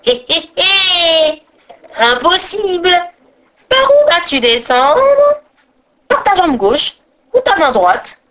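A woman voicing a hideous old female ogress who steals children, slow, loud and growling in a storybook tale. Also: very high-pitched, big pitch swings, heavy background noise, voice pushed up, heavily acted. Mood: gloating. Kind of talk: storybook narration.

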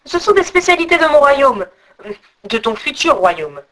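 A greedy, cruel troll king from a storybook, gloating and solemn, his voice pitched up and pushed loud, as a woman reading the tale puts him on. He talks down to his guest with grand, pompous menace. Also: very animated, normal speed, low-quality recording.

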